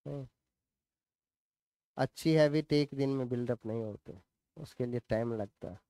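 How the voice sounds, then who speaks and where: Guy teaching class, dictates slow and repeats stuff, clear voice, dry close sound. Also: medium pitch, dark tone, no room sound. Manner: dictates slowly phrase by phrase, repeating, with asides to students.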